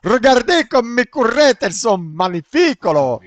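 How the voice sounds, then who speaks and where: A man's voice: very high voice, sing-song, moderate pace, voice pushed up. A man putting on a mocking voice as a boastful fake Italian chef.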